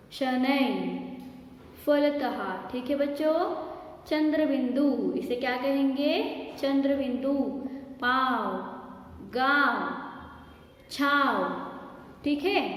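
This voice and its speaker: A woman teaching young children to read, asking questions and stretching out words slowly for them. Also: high-pitched, a little mellow. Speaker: primary school teacher. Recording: strongly echoey room with long reverb.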